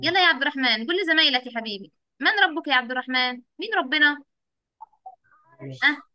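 Bright fast-talking Egyptian woman teacher. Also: high-pitched, expressive, dry recording. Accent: Egyptian Arabic. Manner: coaxing, repeats questions, praises pupils. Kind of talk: online class for young children. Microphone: video call.

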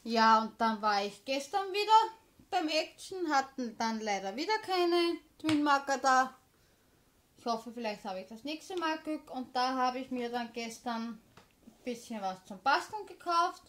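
High-pitched woman, casual vlogger. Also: expressive, measured pace, a bit bright. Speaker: craft haul vlogger. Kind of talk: casual vlogger chat, showing purchases.

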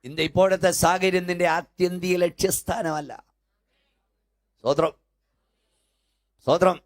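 An older man preaching a sermon as pastor in a church hall, with fervent repeated calls that build up to shouting. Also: sits high, steady tone, normal speed.

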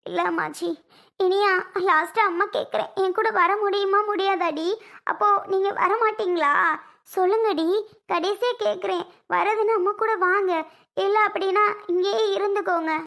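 [name], a high-voiced performer playing a tearful, hurt young mother. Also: fairly even intonation, moderate pace, vocal fry, a bit bright, full character voice. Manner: plaintive, accusing and sobbing. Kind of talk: family skit acting.

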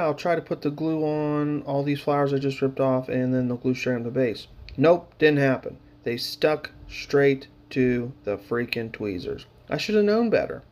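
A man's voice: mid-range voice, normal speed, a little mellow. A man casually narrating his hobby painting footage, rambling with lots of fillers and dry, sarcastic humor.

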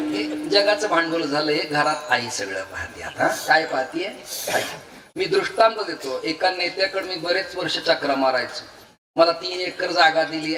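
High, bright-voiced preacher in an echoey hall. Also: male voice, a little hiss or hum. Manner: exhorting, humorous, calls out to the audience. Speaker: kirtan preacher. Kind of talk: devotional sermon with storytelling. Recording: echoey hall, distant mic, faint ambience.

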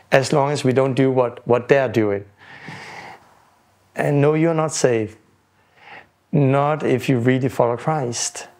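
In a room at home, a Danish preacher in his forties gives an earnest testimony to the camera, often repeating words as he restarts his sentences. He has a Danish accent and a medium-pitched, slightly mellow voice.

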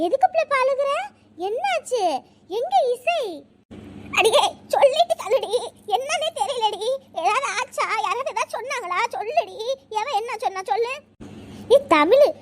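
A performer voicing a scolding old village grandmother in a cartoon, nagging with sharp questions. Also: slight background noise. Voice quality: very high-pitched, shrill. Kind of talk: cartoon voice acting.

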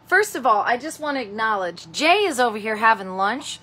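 A woman's voice: on the high side, big pitch swings, brisk, sharp tone. A woman hosting a live stamping tutorial, chatting with viewers, greeting them by name and calling them honey and sweetheart. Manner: rambling, with many ums and restarts. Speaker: host of a live craft stamping show.

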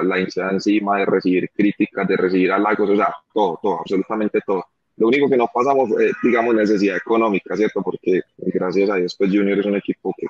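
A man's voice: deep voice, husky, no echo. A man in his thirties with a Colombian accent, an athlete speaking earnestly as an interview guest and repeating phrases for emphasis. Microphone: phone or webcam on a video call. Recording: dull lo-fi video call audio.

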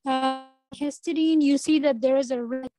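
A woman's voice: sits high, steady tone, dark tone, no echo, faint music behind. Woman on a video call, audio cutting out. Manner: halting, full of fillers. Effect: choppy audio cutting out on a video call. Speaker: student asking a question. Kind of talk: online class question.

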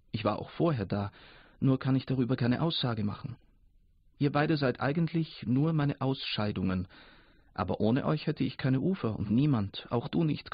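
A man's voice: medium pitch, breathy edge, no room sound. A man voicing an ancient, wise male river who patiently explains, in a dull lo-fi radio recording.

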